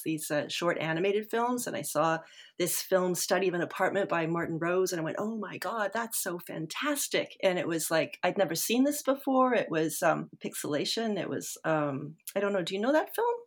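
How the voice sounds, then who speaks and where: Rambling woman guest, lowish voice. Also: animated, normal speed. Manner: rambling, self-deprecating, many fillers. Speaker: guest filmmaker. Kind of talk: casual interview conversation.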